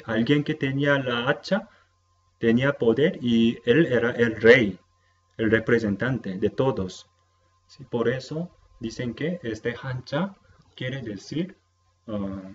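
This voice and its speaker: Slow patient male language teacher. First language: Korean. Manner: slow and patient, repeats words, checks with "¿sí?". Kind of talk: language lesson. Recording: dull low-fi audio with faint hum.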